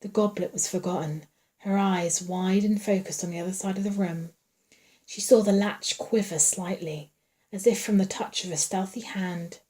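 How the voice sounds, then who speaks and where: A woman reads a horror novel aloud in a hushed, suspenseful voice of middling pitch. She draws out the creepy passages and at times sinks into a whisper. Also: steady tone, normal speed. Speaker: audiobook reader. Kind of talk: dramatic horror novel reading.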